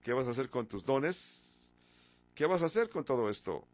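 A man's voice: medium pitch, sing-song, normal speed, no room sound. A man in his sixties preaching a sermon, firing off rhetorical questions and pushing certain words with sudden emphasis. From from abroad, a country once ruled by an emperor. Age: 60s.

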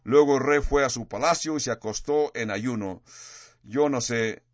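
Male preacher, emphatic sermon delivery with slow drawn-out words; dry, dull lo-fi recording. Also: medium pitch, no room sound. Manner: emphatic, stretches key words slowly. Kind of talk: sermon with dramatic scripture reading. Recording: dull lo-fi sound.

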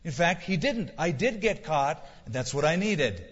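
A man's voice: a little high, sing-song, moderate pace, a bit bright, husky. A man preaching a sermon as pastor, telling stories and building to emphatic questions. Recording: dull lo-fi sound with long hall reverb.

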